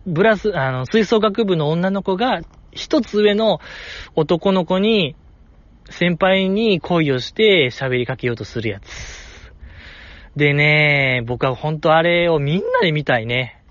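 Solo podcast host, male, highish voice, dry dull recording. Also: slow, no room sound. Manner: rambling, animated, with frequent laughs. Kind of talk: casual solo chat.

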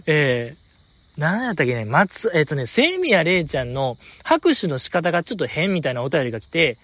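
A man's voice: fairly high pitch, sing-song, moderate pace, a bit bright, no echo, muffled recording. A man with a Kansai accent hosting a podcast, chatting casually and enthusiastically about listener letters with a rambling, filler-heavy delivery. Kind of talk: casual fan chat.

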